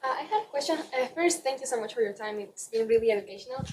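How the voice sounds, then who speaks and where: A woman's voice: a little high, animated, fast, darkish tone, a little hiss or hum. A woman from Ecuador in the audience asking a panel a question, hesitant and full of fillers.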